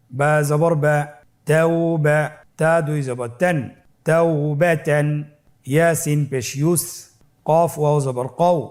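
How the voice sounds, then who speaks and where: A man teaching Quran reading, spelling out syllables slowly in a call-and-response lesson for students to repeat. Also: a little high, darkish tone. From Bangladesh. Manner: slow, drawn-out spelling of syllables for repetition.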